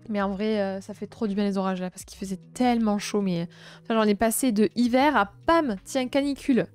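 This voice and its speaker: A young woman from south-east France with a southern French accent, chatting gently with her live-stream viewers and filling pauses with hesitations. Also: mid-range voice, clean tone, faint music behind. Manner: gentle, chatty, many fillers and restarts. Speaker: livestream host. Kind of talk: casual live-stream chat, reading chat.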